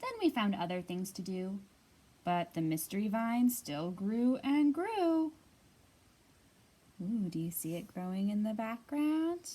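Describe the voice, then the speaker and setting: Reading to little kids at storytime, a woman librarian uses a lilting, expressive mid-range voice and pauses now and then to pose questions to them.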